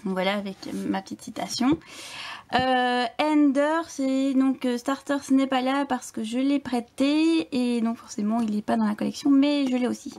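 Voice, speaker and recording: A woman's voice: high-pitched, moderate pace, darkish tone. Chatty young woman touring her bookshelf. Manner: chatty, hesitant with frequent fillers and restarts. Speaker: book blogger. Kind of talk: casual bookshelf tour vlog.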